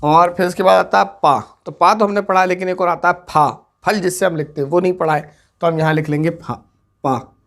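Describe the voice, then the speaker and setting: A man teaching an online Urdu script lesson, patiently repeating each word slowly as he writes it out. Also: high voice, fairly even intonation.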